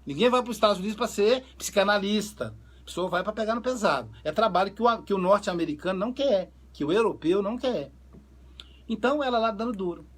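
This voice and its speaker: A man with a fairly high, husky voice, working as a psychoanalyst. He tells family stories in a relaxed conversational way and gives the people in them their own voices as he goes. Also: quick pace. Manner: animated storyteller, acts out quoted dialogue. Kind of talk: conversational talk on family relationships.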